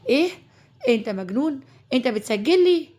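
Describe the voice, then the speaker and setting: A woman's voice: high voice, animated, fast talker, dark tone. A woman voicing a scheming, flirtatious stepmother with an Egyptian Arabic accent. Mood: defensive.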